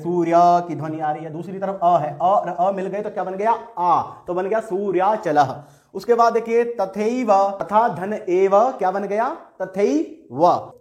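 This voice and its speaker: A man's voice: high voice, darkish tone. A man teaching a lesson, asking questions and then answering them himself. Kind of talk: classroom lesson explaining exercises.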